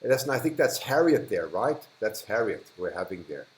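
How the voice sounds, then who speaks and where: In a lowish, sing-song voice at a moderate pace, a man with a German accent runs a casual livestream, chatting with viewers and reading their comments. He laughs frequently and trails off mid-sentence, and the rough recording sounds roomy.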